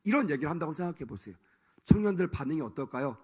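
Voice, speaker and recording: A man's voice: a little high, big pitch swings, racing, breathy edge. A male pastor preaching a sermon to young adults, emphatic, acting out quoted voices and calling for amens.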